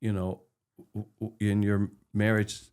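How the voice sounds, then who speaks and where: A middle-aged Peruvian man co-hosts a podcast in an earnest, questioning style, often repeating a word as he begins. His fairly low voice is smooth and darkish, unhurried, with little pitch movement.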